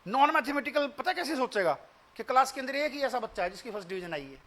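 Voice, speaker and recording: High, bright-voiced Indian math teacher. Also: male voice. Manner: explains patiently, repeats points, coaxes students with questions; switches freely between Hindi and English. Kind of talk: online demo math lecture.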